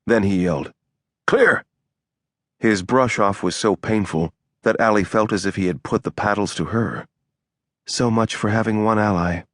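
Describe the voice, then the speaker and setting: Male narrator, deep low voice, dry close studio sound, measured storytelling. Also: no room sound. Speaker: audiobook narrator. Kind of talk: scripted narration.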